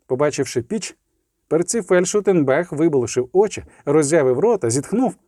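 A man narrating a fantasy audiobook in a measured, even storytelling manner. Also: on the high side, no room sound, studio quality.

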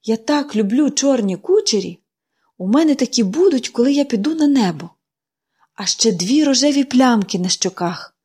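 A woman doing a chatty little girl in a storybook, eager and bubbly, with a high voice that leaps up and down as she gushes. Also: lively intonation, moderate pace, darkish tone, breathy edge.

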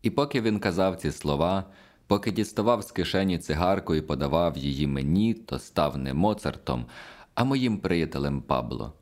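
A man narrates a literary novel in a measured, reflective manner. His voice sits at the very bottom of the male range. It is a steady first-person audiobook reading. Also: low-pitched.

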